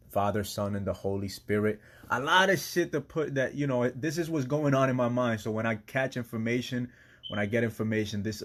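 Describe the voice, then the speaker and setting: A man's voice: on the low side, a little hiss or hum. A man in a casual, rambling late-night chat as a host, slangy and sweary, repeating himself as he searches for words. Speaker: host sharing and reacting to a video.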